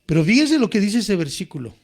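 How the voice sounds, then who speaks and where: A man preaching a sermon in an animated way, rising to near shouts when he quotes people crying out. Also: high-pitched, fast, gravelly. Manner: animated, rises to shouting when quoting cries.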